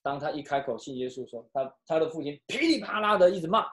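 A pastor preaching and telling a story, switching between hushed and loud delivery, with some halting restarts. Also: medium pitch, animated. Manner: emotional, with sharp swings from hushed to loud. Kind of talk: storytelling sermon.

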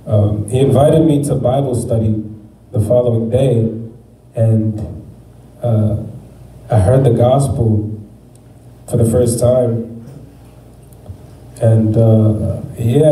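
Young man, faith testimony, halting, reflective, dark mellow tone, echoey room. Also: mid-range voice. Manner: halting, reflective, many fillers. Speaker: testimony speaker. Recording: echoey room, mic at a distance, faint background noise.

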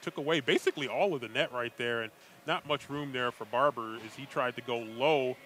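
A man's voice: mid-range voice, fairly quick, fairly bright tone, slight background noise, rough recording. A man giving color commentary on an ice hockey game, breaking down plays for his broadcast partner. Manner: analytical, talks to the play-by-play partner.

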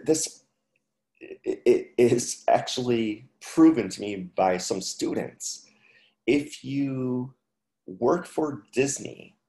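A man teaching an online class, talking in a halting way with many restarts and fillers. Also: medium pitch, gravelly, darkish tone, echoey room. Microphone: video call.

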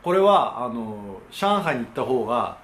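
A man's voice: mid-range voice, sing-song, a little slow, fairly bright tone, a little hiss or hum. A man hosting his own channel, explaining in a polite, casual manner with many hesitation fillers. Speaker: channel host. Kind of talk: casual explainer talk to camera. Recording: echoey room with faint ambience.

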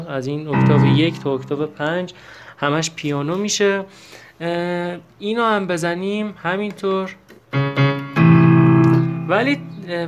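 In a casual step-by-step tutorial, a high-pitched man shows how to use an electronic keyboard. He explains as he presses buttons, pausing with many fillers and correcting himself along the way.

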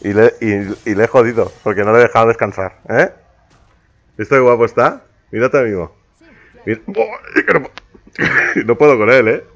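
Excitable man with a lively, bright voice. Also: mid-range voice, normal speed, highs cut off. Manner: playful, talks to his cat in baby-ish tones; excitable exclamations. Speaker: streamer. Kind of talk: casual live-stream chat while gaming.

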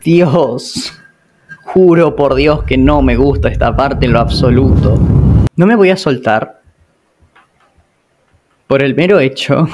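A man, commentating his own gameplay, excitable and nervous, swearing often. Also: medium pitch, slow pace, long pauses, noisy background. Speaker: gameplay streamer. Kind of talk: casual game commentary.

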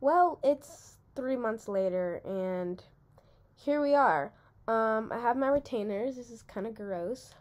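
A woman's voice: a little high, expressive, slow pace, a little mellow. A young woman, chatting casually as a vlogger while speaking with retainers in. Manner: chatty, filler-heavy. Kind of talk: casual vlog talk.

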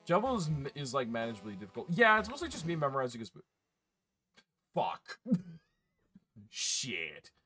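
A man's voice: mid-range voice, huge pitch swings, normal speed, long pauses, bright, forceful tone, soft background music. A man casually chatting to his live chat while playing a game, swearing and laughing often. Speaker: streamer.

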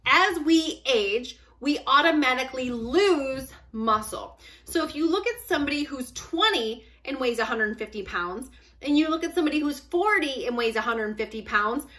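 A woman's voice: high voice, lively intonation, moderate pace, fairly bright tone. A woman in her forties, a fitness coach talking straight to the camera from a small room at home, chatty and emphatic, laughing often. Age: 40s. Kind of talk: casual direct-to-camera talk.

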